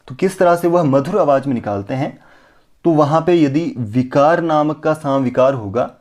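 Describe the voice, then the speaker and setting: Close to the mic, a Sanskrit teacher leads an exam-prep lesson in a plain, middle-pitched, slightly mellow voice. He poses rhetorical questions and answers them immediately, occasionally slowing to stretch out chanted syllables as examples.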